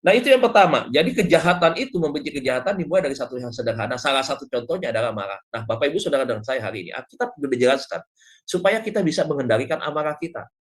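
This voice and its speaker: A man's voice: on the high side, lively intonation, rapid-fire. A man, a pastor, giving a devotional sermon in a conversational preaching style with frequent asides.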